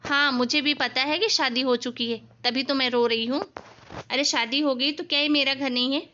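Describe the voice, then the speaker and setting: A woman voicing a spoiled, bossy young married daughter in an animated family story, snapping and shouting orders. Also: high-pitched, normal speed, lo-fi sound, a little hiss or hum. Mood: angry. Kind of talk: animated cartoon voice acting.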